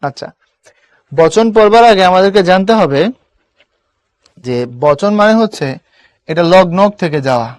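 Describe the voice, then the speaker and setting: Young guy teaching an online class, repeats words to drill them, kinda high voice, dry close mic. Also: expressive, normal speed, long pauses, no room sound.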